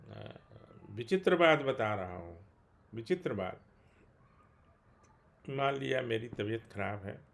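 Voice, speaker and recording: A man speaking as a spiritual teacher in a daily talk, earnest and emphatic, repeating key phrases and reciting slow chant-like invocations. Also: medium pitch, vocal fry.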